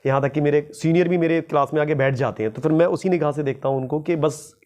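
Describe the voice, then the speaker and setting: A man's voice: a little high, fast talker, a little mellow. A man teaching English at a local institute, answering interview questions in a casual, humble way, often repeating his phrases.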